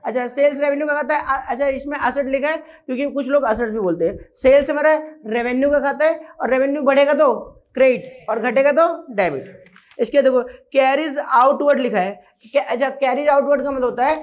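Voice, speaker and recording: High-voiced male teacher quizzing students. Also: fairly quick. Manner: drills rules by repeating them and quizzing students. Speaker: accounting teacher. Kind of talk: classroom lecture. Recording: dull lo-fi recording.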